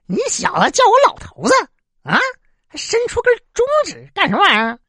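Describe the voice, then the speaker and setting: A teasing old emperor who snaps out quick, high, loud scolding questions, as a woman storyteller plays him. His voice jumps far above a plain speaking pitch, lively and dry, with no room around it. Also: breathy edge, no echo, exaggerated voice. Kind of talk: traditional storytelling.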